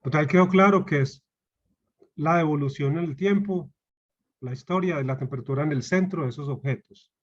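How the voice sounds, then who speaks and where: A man's voice: fairly high pitch, normal speed, muffled recording. A man with a Colombian Spanish accent giving a university lecture over a video call, patiently repeating key points and asking his students questions. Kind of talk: online class lecture.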